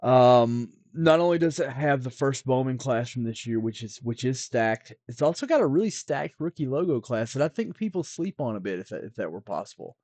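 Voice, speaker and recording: A man's voice: medium pitch, expressive, brisk, hardly any pauses, darkish tone, no room sound. A man co-hosting a podcast, chatting casually about collectibles, often restarting his sentences and filling gaps with fillers. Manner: rambling, with repeated restarts and fillers. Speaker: podcast co-host, card expert. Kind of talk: casual chat.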